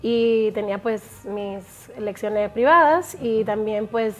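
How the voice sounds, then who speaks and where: A woman's voice: mid-range voice, slow pace. A middle-aged woman from Puerto Rico, a musician guest in a casual interview, who laughs often while she talks.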